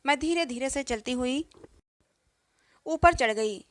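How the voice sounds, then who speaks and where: A woman narrating a first-person story as a storyteller, in a steady, emotional reading. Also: high-pitched, a little slow, no echo.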